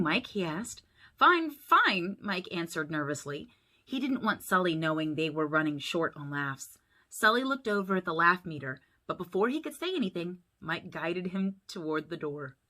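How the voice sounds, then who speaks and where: A woman pastor chats playfully and reads a story aloud for children. Her voice is bright and clear, swinging lively up and down as she shows the pictures. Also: on the low side. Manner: chatty, animated, playful.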